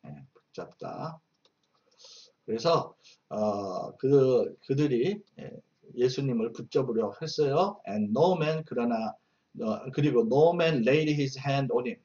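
Slow, patient male Bible teacher. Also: mid-range voice, animated, dark tone, muffled recording. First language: Korean. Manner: patient, repeats glosses, fillers like "어" and "자". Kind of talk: slow explanatory lesson, reading English verses aloud then translating.

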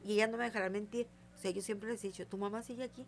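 An older woman appearing as a guest psychic in a casual interview tells vivid stories and acts out the voices of the people in them. She talks very fast at a medium pitch with fairly even intonation.

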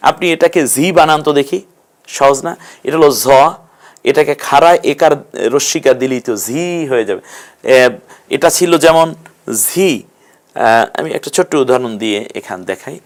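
A man's voice: mid-range voice, moderate pace, long pauses. A man teaching a recorded Quran reading lesson, explaining letters and vowel marks step by step and putting questions to his students. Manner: patient, step-by-step explaining, asks questions of learners.

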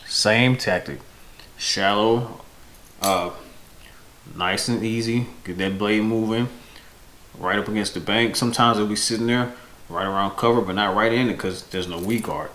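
A man in his thirties sits indoors at home, in a room with windows, offering casual, unscripted fishing-vlog tips to the camera about a product and correcting himself along the way. His voice is lowish and a bit bright, with fairly even intonation and a moderate pace. The home camera audio sounds roomy and noisy.

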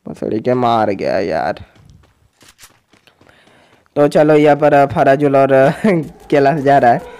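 A man, a gaming YouTuber, giving excited, crude-slang commentary as he cheers on his teammates during a match. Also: medium pitch, slow pace, gravelly, long pauses, clean tone. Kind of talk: excited live gameplay commentary.

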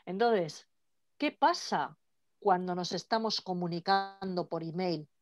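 Lively woman leading a workshop. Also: lowish voice, slow, dry recording, studio quality. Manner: lively, acts out quoted dialogue. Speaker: workshop trainer. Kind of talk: online workshop talk. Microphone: video call.

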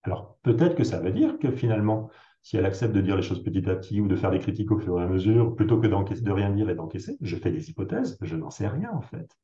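A man, a psychiatrist being interviewed, explains a clinical technique through worked examples in a relaxed, conversational way with frequent hesitations. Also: fairly low pitch, quick pace. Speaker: psychiatrist guest. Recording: roomy, dull lo-fi sound.

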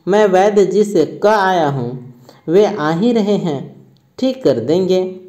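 A talkative neighbour chatters on and reassures the worried family, voiced by a reader. He speaks slowly in a warm, mellow tone. This comes from a school play read aloud. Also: medium pitch, expressive. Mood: chatty.

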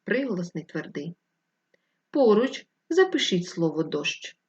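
A woman teacher giving a distance-learning lesson to first graders, dictating instructions slowly and clearly. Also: lowish voice, sing-song, darkish tone, muffled recording. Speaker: primary school teacher.

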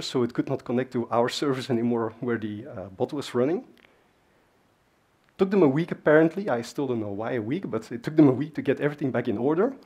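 On a large dark stage, a conference speaker whose first language is Dutch gives a relaxed technical talk, conversational and full of fillers and asides. His mid-range voice sounds a little mellow and slightly rough.

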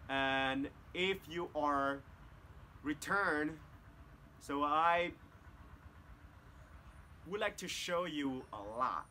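A Cambodian tour guide in his thirties, Khmer by first language, speaks very slowly in careful non-native English with long pauses, explaining a temple outdoors to the camera. His fairly high voice is expressive, bright, and forceful. The setting is jungle temple ruins, and a little hiss or hum runs underneath.

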